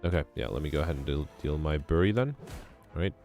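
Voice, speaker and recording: A man's voice: a bass voice, fast talker, a little mellow, faint music behind. A man chatting casually while playing a co-op game, thinking aloud with frequent hesitations and ums. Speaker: streamer playing co-op. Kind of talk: casual gameplay chat.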